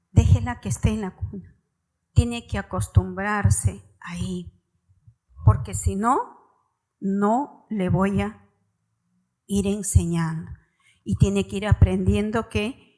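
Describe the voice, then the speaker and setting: A woman's voice: medium pitch, dark tone, rough recording. Woman, church preacher, direct and emphatic sermon delivery to the congregation. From Peru. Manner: direct, emphatic address to parents, stressing key words. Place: church service.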